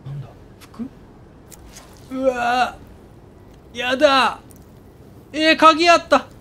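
Very slow, very high-pitched, and animated, his voice sounds pushed and bright as he streams a game. He's easily startled, letting out yelps and squeals during his let's play commentary, all heard over the game's music.

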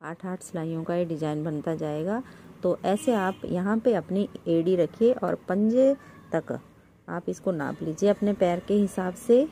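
A woman's voice: on the low side, unhurried, creaky, mellow, a little hiss or hum. A woman hosting a knitting tutorial, explaining each step patiently, counting stitches aloud, and addressing viewers as friend. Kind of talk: step-by-step craft instruction.

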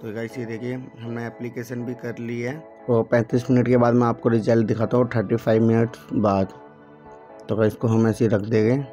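Male colourist, mellow monotone tutorial read, muffled sound with soft music under it. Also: medium pitch, brisk. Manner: explanatory, repeatedly addresses viewers as guys. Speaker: hair colourist, channel host. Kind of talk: hands-on tutorial narration. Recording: dull lo-fi audio with faint music.

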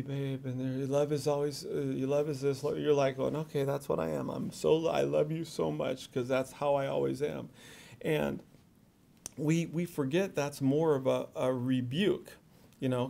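A man's voice: mid-range voice, gravelly, mellow. A middle-aged man giving a joking, self-deprecating speech at an award reception, often repeating his words. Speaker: award speaker. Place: reception hall with audience.

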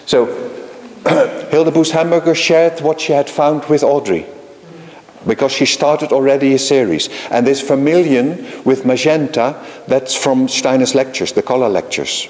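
A man gives a live conference lecture in a hall with a long reverb tail. His voice sits at an ordinary male pitch. He talks haltingly, restarts phrases and checks in with his audience. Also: darkish tone. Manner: halting, with frequent restarts and repeated words; explains patiently, checks in with the audience. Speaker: keynote lecturer.

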